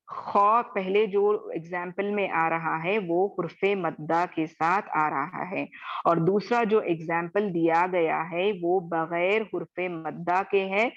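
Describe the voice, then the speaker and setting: A woman teaching Quran recitation in an online class, drawing out example words and often checking in with her students. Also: on the low side. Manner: slow, repeats example words drawn out; often checks in with "theek hai?". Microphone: video call. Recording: dull lo-fi video call audio.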